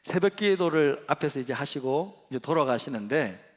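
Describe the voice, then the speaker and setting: Animated middle-aged male pastor preaching. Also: a little high, normal speed. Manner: animated storytelling, acting out dialogue. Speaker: senior pastor. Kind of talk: sermon. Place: large church sanctuary. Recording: long church hall reverb.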